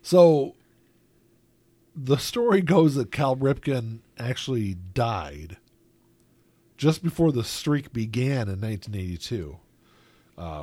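A man's voice: lowish voice, mellow, no echo. A man hosting a casual chat, rambling with lots of filler words.

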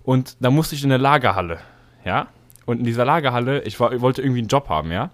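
A young man co-hosting a casual podcast, telling stories in a slangy, animated way with many fillers. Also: mid-range voice, fast talker. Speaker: podcast co-host. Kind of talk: casual chat.

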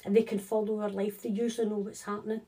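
A Scottish-accented psychic medium talks as an interview guest, casual and reassuring, chatty and restarting her sentences often. Her voice is medium-pitched, level, dark, and slightly rough, and she talks fast.

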